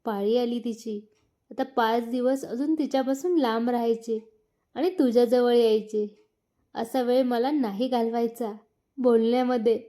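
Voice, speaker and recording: Lady doing a playful young husband in a storybook, high mellow voice, teasing. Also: fairly even intonation, a little slow, lightly acted. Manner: playful teasing, later scolding. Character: young husband, teasing then pleading and stern. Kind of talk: storybook narration.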